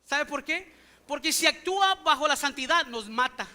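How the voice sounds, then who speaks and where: A male pastor preaches emphatically in a church sanctuary, firing rhetorical questions at the congregation in a language other than his native English. His voice is very high and sharp, with lively intonation at a moderate pace.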